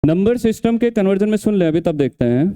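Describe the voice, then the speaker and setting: A man's voice: high voice, animated, fast talker, dark tone, clear, resonant tone. A man teaching an exam revision class, who keeps quizzing and scolding his students and repeats each step. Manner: questioning, scolding, repeats steps.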